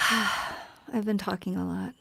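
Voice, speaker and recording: A woman chatting casually on her live stream, tired and rambling, often dropping to a soft whisper as she talks to viewers. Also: mid-range voice, fairly even intonation, slow pace, vocal fry.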